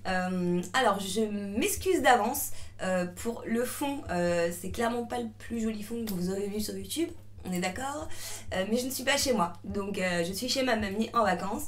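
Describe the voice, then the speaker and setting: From a spare room at her grandmother's house, a young beauty vlogger chats casually through a make-up tutorial, relaxed and constantly apologizing. Her medium-pitched, moderately paced speech is full of hesitant fillers and restarts.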